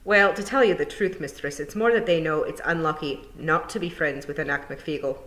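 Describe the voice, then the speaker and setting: Here a woman reads from a storybook as a cheerful, deferential young pixie boy with a Scottish accent, her deep voice running slightly fast with a fairly bright tone. Thick with dialect, the character sounds cheerful and matter-of-fact while addressing the listener politely as mistress.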